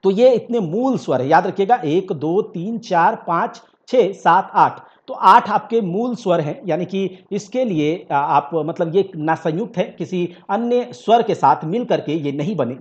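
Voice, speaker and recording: A man teaching an exam-prep grammar lesson, repeating key points and asking the class rhetorical questions. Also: high-pitched. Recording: dull lo-fi recording.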